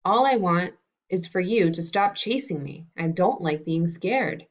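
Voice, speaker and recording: A woman's voice: fairly low pitch, expressive, a little slow. A woman voicing a big, apologetic dragon from a picture book, roaring out pleas. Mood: earnest. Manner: roaring yet pleading. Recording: dull lo-fi recording.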